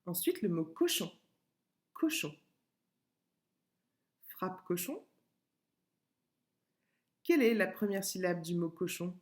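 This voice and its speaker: Patient woman teacher, slow and lively in pitch, for a recorded early-school lesson. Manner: slow, patient, spells out syllables and repeats words. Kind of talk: remote classroom lesson video.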